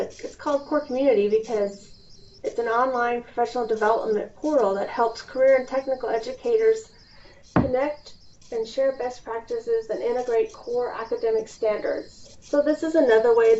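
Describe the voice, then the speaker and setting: Over a conference phone call, a woman with a slightly high, somewhat mellow voice presents a program, giving an informal instructional explanation and stressing key points. The audio is dull and lo-fi, with background hiss.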